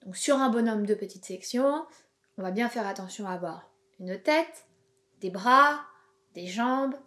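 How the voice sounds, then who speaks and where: A woman, a preschool teacher giving a home-school video lesson to young children in a slow, clear, encouraging way. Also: a little high, lively intonation, a bit bright.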